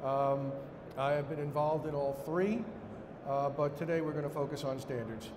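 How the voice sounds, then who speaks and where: A middle-aged man with a Brooklyn accent giving a formal slide presentation to a conference room, in a halting way. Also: a little high, fairly even intonation. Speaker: conference speaker standing in for a director. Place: indoor conference room with seated audience. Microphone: podium microphone, later picked up by hand. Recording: echoey hall, noisy room ambience.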